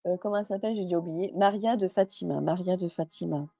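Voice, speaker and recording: A woman's voice: lowish voice, fast talker, vocal fry, dark tone, no echo. A woman medium on a live stream, chatty and hesitant, with many fillers and restarts, relaying messages as quoted speech.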